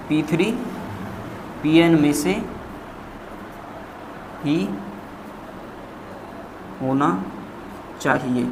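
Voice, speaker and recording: A man's voice: high voice, a little mellow, a little hiss or hum. A man teaching a maths lesson at a board, patiently walking through each step, repeating points and checking in with his students.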